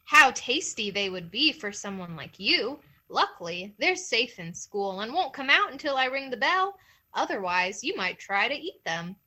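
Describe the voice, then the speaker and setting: A wrinkled, crafty old male hare from a folktale, sweet and innocent on the surface while scheming underneath, put on by a woman telling the story. His voice is high and lively, rising and falling with feigned meekness, bright in tone. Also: normal speed, full character voice. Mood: sly sweet. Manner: sweet, innocent-sounding, cunning. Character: old, scrawny, sly male hare, quick thinker.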